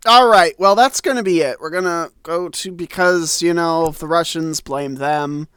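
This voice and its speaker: A man's voice: on the high side, moderate pace, fairly bright tone, smooth, no echo, clean studio sound. A man streaming a game, talking casually over it with wry, rambling asides. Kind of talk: casual let's-play commentary.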